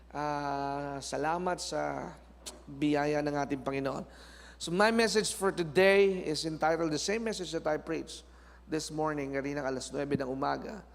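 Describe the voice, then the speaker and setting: Man, pastor, sermon, fairly high voice, long church reverb. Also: vocal fry. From Philippines. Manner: mixes Tagalog and English, moves from soft prayer to loud animated preaching. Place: church sanctuary.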